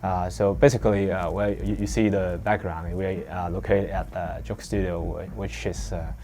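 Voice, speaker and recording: Hesitant low-voiced man. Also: flat delivery, moderate pace, mellow, a little hiss or hum. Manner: hesitant, many filler sounds. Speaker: studio co-owner. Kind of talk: casual interview.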